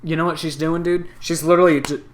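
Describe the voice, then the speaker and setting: A man's voice: a little high, steady tone, quick pace. Young man in crude, rambling chat. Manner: crude, rambling, swears a lot. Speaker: podcast co-host. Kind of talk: casual chat.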